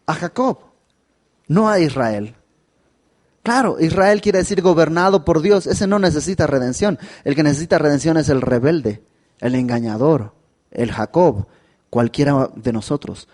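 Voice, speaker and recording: Animated Mexican Spanish pastor, higher voice. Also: male voice, a little slow. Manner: animated, with dramatic pitch swings and asides to the listener. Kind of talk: verse-by-verse Bible teaching sermon.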